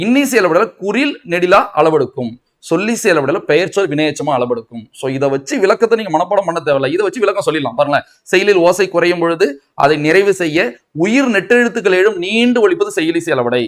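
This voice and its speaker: High-voiced man teaching grammar. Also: lively intonation, quick pace. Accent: Tamil Nadu. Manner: asks and answers his own questions, mixing in English words. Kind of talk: exam coaching lecture.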